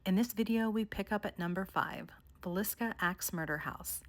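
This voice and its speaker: A woman vlogger narrating a countdown of haunted places in a measured storytelling way. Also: mid-range voice. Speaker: paranormal vlogger. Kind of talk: scripted narration.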